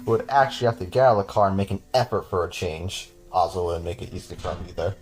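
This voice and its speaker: A man's voice: low-pitched, fast talker. A man hosting a podcast, reading a horror story aloud with casual, chuckling asides to his cohost.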